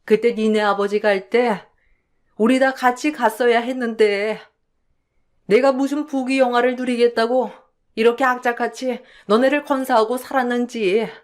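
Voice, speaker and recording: A woman voicing a self-pitying elderly mother-in-law who laments slowly and tearfully in a radio drama. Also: fairly high pitch, fairly even intonation, close to an everyday voice.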